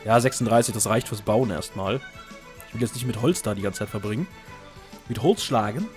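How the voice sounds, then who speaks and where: A young let's play host chats casually while gaming, answering viewer questions and joking at his own expense. His voice is lowish and fairly quick, his manner chatty and self-mocking, and soft music plays in the background.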